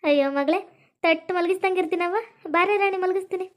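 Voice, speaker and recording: Woman playing a soft protective mom, soothing but firm, skit voice. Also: very high-pitched, brisk. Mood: tender. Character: weary, tender first-wife mother, stubborn and protective.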